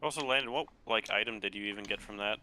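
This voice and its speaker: Young male gamer, lowish voice with a bright edge, profane and casual. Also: fast, slight background noise. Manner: profane, joking, talks while playing. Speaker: gamer on voice chat. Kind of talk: casual gaming banter.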